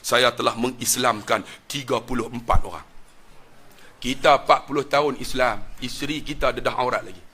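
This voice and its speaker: A middle-aged man with a Malaysian Malay accent, preaching a sermon through storytelling, swinging between loud outbursts and hushed passages. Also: medium pitch, normal speed, slightly rough.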